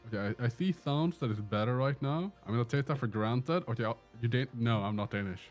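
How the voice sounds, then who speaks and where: With a mid-range voice and a fairly quick delivery, this Swedish-accented streamer from Sweden jokes and chats through live gameplay while taking questions from chat. Soft music plays in the background of his indoor room with a door.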